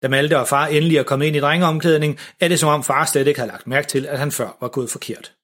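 Husky man reading a story. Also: on the high side, steady tone, a bit bright. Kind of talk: storybook narration.

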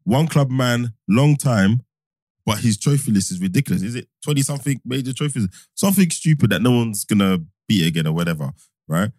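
A man co-hosting a casual football podcast, arguing his point provocatively and laughing loudly at the others. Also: mid-range voice, animated, a little fast, no room sound. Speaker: podcast co-host.

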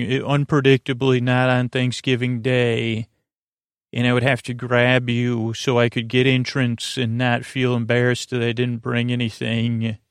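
Close, dry audio captures an American podcast host delivering a rambling bedtime monologue meant for sleep. His voice is creaky and gravelly at a middling pitch, and he wanders, stalls, and circles back on his own sentences.

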